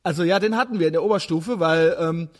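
A man chatting casually as a podcast co-host, blunt, rambling and self-mocking, with a husky voice. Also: on the high side, fast. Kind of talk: casual chat.

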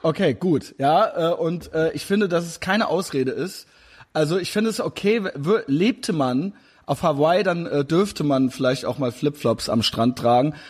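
Over a video call, a man in his forties holds a loose, casual interview with a guest, often restarting and filling pauses as he rambles. His voice sits a little high, slightly rough, and a touch slow.

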